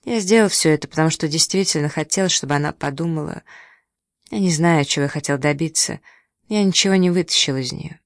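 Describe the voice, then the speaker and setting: A man's voice: on the high side, a little fast, no echo, clean studio sound, natural voice. Ramsey, a reader voicing a brooding young man. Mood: sulky. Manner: sulky, brooding. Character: Ramsey, grumbling young man, moody and self-pitying.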